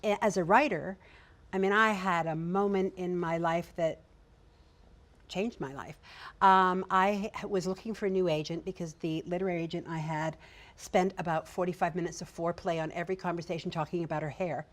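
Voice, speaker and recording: Her pitch is fairly low, yet she sounds young; this writer-producer brings energy to a discussion panel, telling irreverent stories and breaking into laughter quickly.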